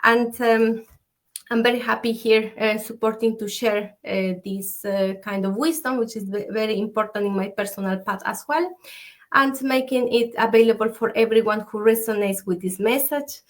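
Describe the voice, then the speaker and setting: Woman host. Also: fairly high pitch. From Ecuador. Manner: halting, many fillers. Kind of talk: conversational online talk.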